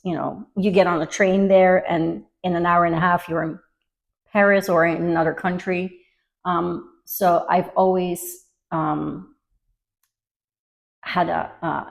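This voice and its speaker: A woman's voice: fairly low pitch, gravelly, rough recording. A middle-aged woman from Belgium with a slight Belgian accent, chatting casually as an interview guest with many fillers. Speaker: guest, luxury travel advisor.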